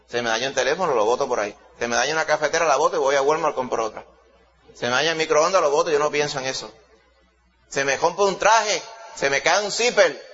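A man preaching a sermon in a lively, folksy way, with homely examples and laughs. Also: fairly high pitch. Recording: lo-fi sound with long reverb.

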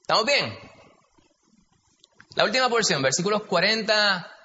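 Leading a chatty Bible study, a man with a Puerto Rican accent puts questions to the group in a high-pitched voice with big pitch swings, a measured pace, and a bright, forceful tone. It's a dull, echoey hall recording with a faint hiss.

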